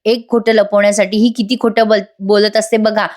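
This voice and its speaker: A woman's voice: medium pitch, level tone, normal speed, darkish tone. Chatty woman recapping a TV serial. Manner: chatty, addresses viewers directly. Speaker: serial review narrator. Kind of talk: voice-over episode recap.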